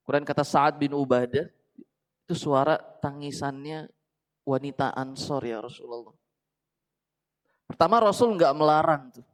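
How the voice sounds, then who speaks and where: A man's voice: fairly high pitch, poor audio. Chatty man teaching a religious book. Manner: chatty, poses questions to listeners and corrects himself aloud. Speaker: Islamic teacher. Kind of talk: casual religious book study.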